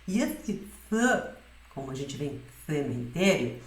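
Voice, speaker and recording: A woman's voice: sits low, very animated, measured pace, reverberant. A woman teaching a Spanish pronunciation lesson in Portuguese, explaining patiently and often checking in with her students.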